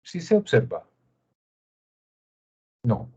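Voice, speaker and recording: With a warm, husky, medium-pitched voice that swoops wildly and draws words out, a Colombian-accented instructor explains a screen-share tutorial step by step. He asks rhetorical questions, and the sound is dull lo-fi video call audio.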